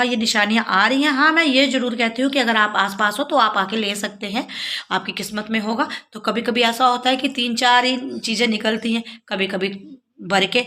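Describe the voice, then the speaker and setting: With a sharp tone and a voice on the high side, a devotional vlogger from Jammu, India, talks earnestly to her audience. She is middle-aged, has a sore throat, and pleads and explains in a casual manner.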